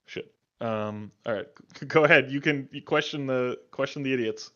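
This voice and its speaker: A man's voice: mid-range voice, normal speed, fairly bright tone, lo-fi sound, close to an everyday voice. A man voicing a weary, middle-aged male city guard who stammers nervously. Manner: flustered, stammering.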